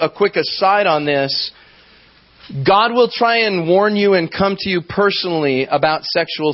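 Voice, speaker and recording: A man with a somewhat high voice preaches a sermon, talking to his congregation conversationally and checking in with frequent questions. The recording sounds dull and lo-fi.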